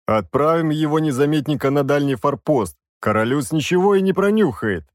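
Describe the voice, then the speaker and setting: A man voicing a blunt, gruff old army commander with a rough soldier's way of talking. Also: fairly high pitch, animated, brisk, dry recording, studio quality, pitched above the performer's own voice, lightly acted.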